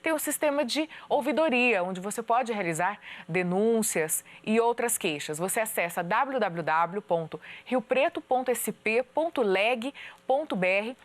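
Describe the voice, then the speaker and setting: A woman from interior São Paulo, hosting a TV interview and reading out contact information with a clear, practiced presenter delivery in a studio. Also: on the high side, expressive, a little slow. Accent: Brazilian Portuguese, São Paulo interior. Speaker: TV host. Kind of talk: TV interview and announcement. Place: TV studio of a city council.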